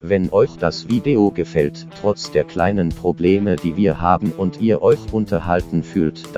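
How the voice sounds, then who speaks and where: A man talking through a flat robotic voice changer, making deadpan jokes while commentating a game with a friend. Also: low-pitched. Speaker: co-host, gamer. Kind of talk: casual gaming commentary.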